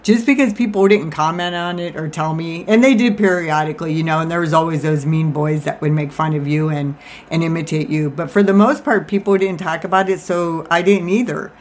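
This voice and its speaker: A woman's voice: low voice, brisk, a little mellow. Candid woman talking out of the side of her mouth. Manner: informal, confessional, self-deprecating. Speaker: life coach and podcast host. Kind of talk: candid personal monologue.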